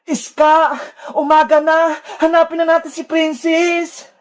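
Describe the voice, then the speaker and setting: A cartoon voice performer calling out and shouting frantically. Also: extremely high pitch, little pitch movement, measured pace. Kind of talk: cartoon voice acting.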